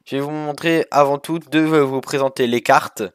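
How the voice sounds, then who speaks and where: A man's voice: on the high side, fairly even intonation, moderate pace, smooth, dry recording, clean studio sound. A man casually narrating a walkthrough of a sailing game over his screen, rambling with many fillers and restarts. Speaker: gaming youtuber.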